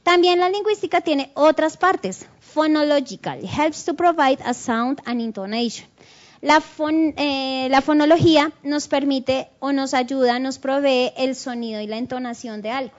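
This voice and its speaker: A woman teacher hosting a bilingual online class, animated and switching languages as she demonstrates intonation. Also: high-pitched, measured pace, dull audio. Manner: animated, switches between Spanish and English, mimics intonation. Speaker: English teacher hosting a teleclass.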